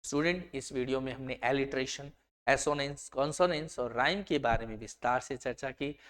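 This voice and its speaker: A woman teacher with an Indian accent who gives an exam-prep lecture, reading English definitions slowly word by word and then explaining them in Hindi. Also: rumbling low.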